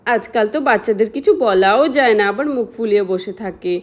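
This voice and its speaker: A woman voicing a brisk, scolding but caring mother in a doll-play story. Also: mid-range voice, pitched below the performer's own voice, natural voice.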